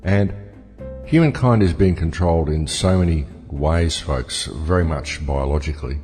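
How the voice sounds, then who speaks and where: A man speaking with his voice pitched down to disguise it, delivering an emphatic monologue and addressing the listeners as folks. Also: moderate pace, a little mellow. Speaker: anonymous messenger. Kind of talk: spoken monologue to viewers. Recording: long reverb with faint music behind.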